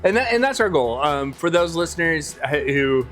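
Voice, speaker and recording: A man's voice: fairly high pitch, sing-song, moderate pace, fairly bright tone, faint music behind. Upbeat middle-aged male podcast host. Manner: upbeat, welcoming, lots of fillers. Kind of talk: casual podcast chat.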